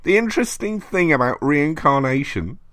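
A man voicing a vengeful, hateful male spirit in an audiobook, rasping and menacing, building to bellowing rants. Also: fairly high pitch, expressive, normal speed, fairly bright tone, no echo, pitched above the performer's own voice. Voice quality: rasping, hissing voice. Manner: menacing, rising to bellowing shrieks. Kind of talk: audiobook character voice.

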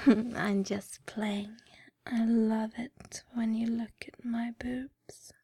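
Female performer as seductive, adoring dream woman; sultry whispered role-play, breathy, very unhurried, little variation in pitch. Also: little pitch movement, dark tone, no room sound, exaggerated voice. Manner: sultry, slow, intimate narration.

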